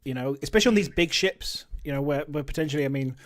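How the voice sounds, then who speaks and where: Quick, higher-voiced male host who rambles and restarts his sentences. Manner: rambling, many fillers and repeats. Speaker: podcast host. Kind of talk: casual gaming podcast chat.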